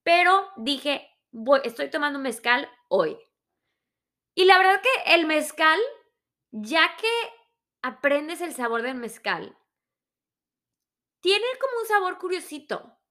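A woman's voice: very high-pitched, takes it slowly, long pauses. Chatty Mexican woman around thirty. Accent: Mexican Spanish. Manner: chatty, animated, self-mocking asides. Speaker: vlogger. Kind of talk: casual storytelling monologue.

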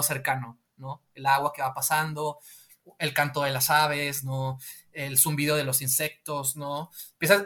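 A man casually pitching a film scene in a rambling way, tagging his lines with a question. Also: sharp tone.

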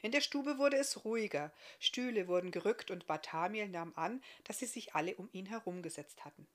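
A woman's voice: mid-range voice, brisk. Woman reading a fairy tale aloud. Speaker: author reading her book.

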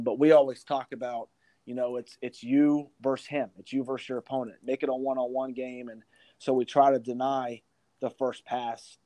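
In an interview, a man speaking as a college basketball coach explains his approach with emphasis, repeating points to drive them home. His medium-pitched voice has a dark tone, and the recording is dry.

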